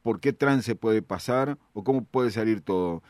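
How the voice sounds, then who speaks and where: Man, radio host, low pitch, dry studio sound, halting delivery. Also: darkish tone, no room sound. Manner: hesitant, many restarts and fillers. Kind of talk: radio interview.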